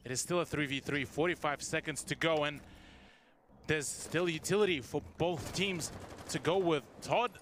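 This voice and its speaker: A man's voice: a little high, normal speed, a bit bright. A man giving live esports commentary in a wordy, analytical way. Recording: faint background noise.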